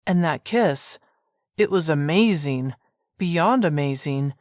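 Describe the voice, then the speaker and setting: A narrator reading a romance audiobook in an even, measured storytelling manner. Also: female voice, on the low side, no echo, studio quality. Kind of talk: scripted narration.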